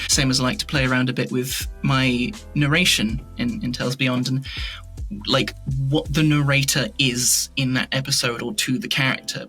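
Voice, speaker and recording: Appearing as a guest on a podcast, this fantasy audio drama creator chats casually about what he makes, thinking out loud and often reworking his sentences partway through. His mid-range voice sounds bright and forceful.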